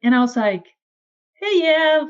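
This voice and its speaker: A woman with a Czech accent, a podcast guest telling her story in casual conversation, lively and acting out quoted lines. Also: a little slow, clear, resonant tone, muffled recording. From Czech Republic. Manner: animated, acts out quoted lines in a higher voice.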